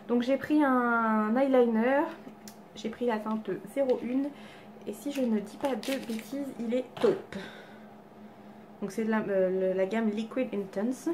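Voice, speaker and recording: A woman's voice: a little high, steady tone, moderate pace, a little mellow, a little hiss or hum. A woman chatting casually to camera about her makeup haul, self-deprecating and full of fillers and restarts, at home. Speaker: beauty vlogger. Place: home with cats around.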